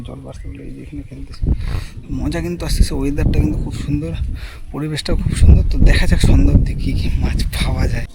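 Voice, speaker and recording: A man's voice: on the high side, darkish tone, slight background noise. A man fishing by a river, chatting casually to the camera as he shows each catch. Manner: chatty, shows off each catch, asks "ঠিক আছে?" often. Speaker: fishing vlogger. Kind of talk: casual outdoor vlog narration. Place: outdoors by a river among rice fields.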